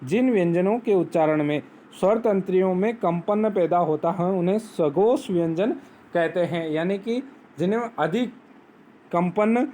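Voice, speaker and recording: A man teaching a grammar lesson, explaining step by step, asking questions and answering them himself, and reciting rules slowly. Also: high voice, dark tone, slight background noise. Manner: recites Sanskrit sutras slowly. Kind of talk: Hindi grammar lesson on phonetics.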